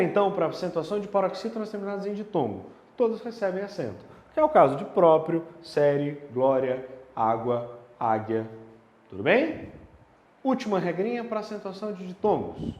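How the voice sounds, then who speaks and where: A man teaching a grammar lesson, animated and checking in with the viewer through rhetorical questions. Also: high voice. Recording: roomy with a long reverb tail.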